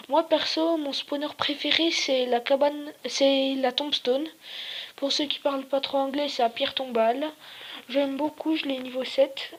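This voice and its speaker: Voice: sits high, fairly bright tone, low-quality recording. A video creator with a sore throat giving casual, hesitant and rambling gaming commentary. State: sore throat, slightly ill.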